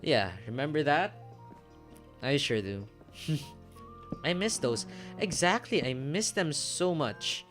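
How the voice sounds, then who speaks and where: A man's voice: a little high, animated, takes it slowly, long pauses, fairly bright tone. A man in his twenties chatting casually while streaming a game, hesitant, with many ums and restarts. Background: faint game music.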